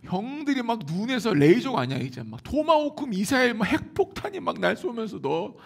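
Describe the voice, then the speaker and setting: A male pastor preaching a sermon in an animated, emphatic way, telling stories and acting out other people's voices. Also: extremely high pitch, brisk, creaky, breathy edge. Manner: animated, emphatic, many filler words; acts out quoted voices. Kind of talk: sermon with storytelling.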